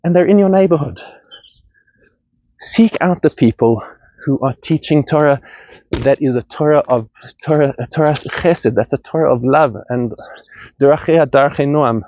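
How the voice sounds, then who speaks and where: A man's voice: fairly high pitch, moderate pace, pauses often, mellow, no room sound. A man delivering a heated, earnest monologue as podcast host, often restarting and repeating words as he gets worked up. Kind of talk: impassioned monologue. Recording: dull, lo-fi sound.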